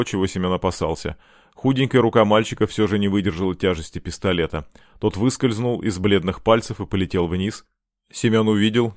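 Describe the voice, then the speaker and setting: Low-voiced man narrating an audiobook. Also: no room sound, studio quality. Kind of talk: scripted narration.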